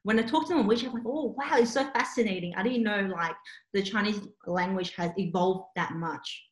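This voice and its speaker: A young Australian woman, an interpreting student who grew up speaking Cantonese, chats casually in a mid-range voice at a fairly quick clip. She tells stories animatedly and chattily, packing in lots of fillers. The recording has a roomy echo.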